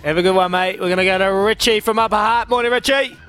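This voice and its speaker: A man hosting a radio phone-in quiz with excitable, matey, slangy banter. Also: high voice, quick pace, music in the background. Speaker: breakfast radio quiz host. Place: radio studio.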